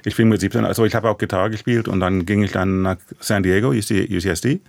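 A man with an American accent, a composer speaking German as a second language, answering in a halting, reflective way with many fillers. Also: fairly low pitch, fairly even intonation, vocal fry, dry recording. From USA. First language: English. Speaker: composer guest. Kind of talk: reflective radio interview answers.

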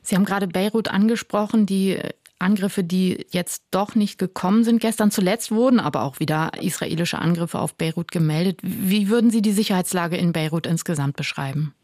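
A woman hosts a radio news program, posing questions to a guest in a clear, composed, formal manner. Her voice sits on the lower side for a woman. The sound is close and dry, with no room around it. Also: fairly quick, hardly any pauses, a little mellow, dry recording. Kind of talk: radio interview and news presenting.

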